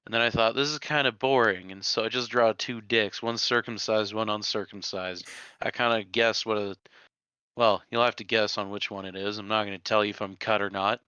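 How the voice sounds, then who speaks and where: A man's voice: fairly low pitch, flat delivery, brisk, pushed and bright, smooth, no echo. A man co-hosting a casual live stream chat, telling crude, joking stories. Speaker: podcast co-host. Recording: dry, dull lo-fi sound.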